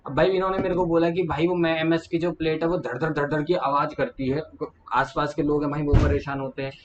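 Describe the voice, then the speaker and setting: A man's voice: a little high, level tone, quick pace. Chatty man, dull lo-fi audio. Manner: chatty, retells client calls, addresses viewers as brother. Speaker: small manufacturer sharing business lessons. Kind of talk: casual vlog storytelling. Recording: dull lo-fi sound with faint background hum.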